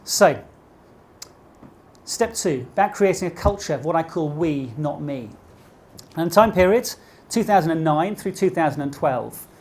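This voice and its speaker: A man's voice: on the high side, animated, a little slow, long pauses. Posh British man giving a motivational talk. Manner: engages listeners with rhetorical questions. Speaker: keynote speaker. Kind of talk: motivational business talk to a live audience. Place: speaking live at an event before an audience.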